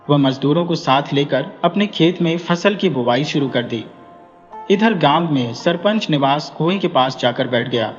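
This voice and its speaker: Male story narrator, higher voice, steady delivery, long reverb. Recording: dull echoey recording with music.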